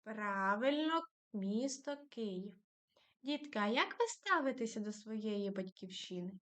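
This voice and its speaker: A woman's voice: medium pitch, animated, measured pace, a bit bright. A woman teaching a primary school lesson to young children, dictating patiently and praising them often.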